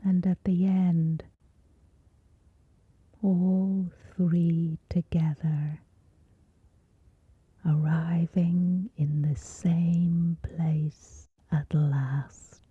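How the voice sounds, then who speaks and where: A woman's low, slightly rough whisper gently leads a scripted sleep meditation, flat in delivery yet soothing, with long pauses between brief phrases. No room sound is present, and the audio is narrow and tinny.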